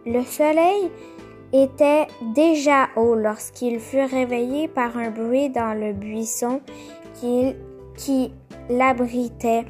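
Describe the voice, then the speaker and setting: Slow-reading woman storyteller. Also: on the high side, fairly even intonation, darkish tone, soft background music. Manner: slow, careful, explains the pictures. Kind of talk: reading a children's book aloud.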